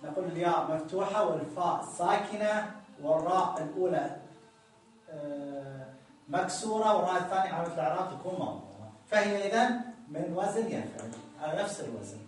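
A man's voice: high voice, lively intonation, quick pace, distant mic, slight background noise. A man teaching a grammar lesson, patiently repeating each point and reading passages aloud from a text. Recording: very echoey room, voice from off the mic.

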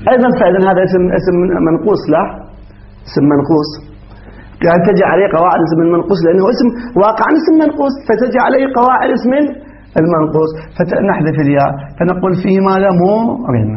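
Guy teaching a grammar class, talks fast, keeps asking the students, faint hiss on a dull recording. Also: high-pitched. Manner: explains step by step, quizzes students.

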